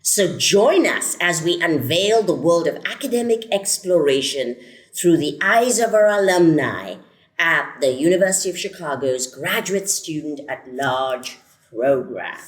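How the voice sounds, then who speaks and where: Woman, podcast host, scripted intro, enthusiastic, animated pitch, roomy sound. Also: a little slow. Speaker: host, program director.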